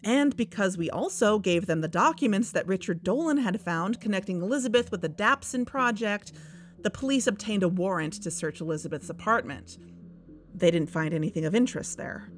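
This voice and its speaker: A woman plays a wry, earnest investigator co-hosting a podcast, narrating a scripted audio drama in a conversational, confiding way. Her medium-pitched, natural voice is brisk with lively intonation, and background music plays behind her.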